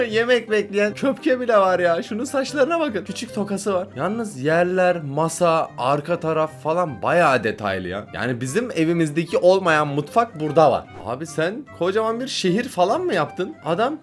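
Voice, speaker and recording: A young man hosting a reaction video, excitable and slangy, laughing and exclaiming often as he comments. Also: fairly high pitch.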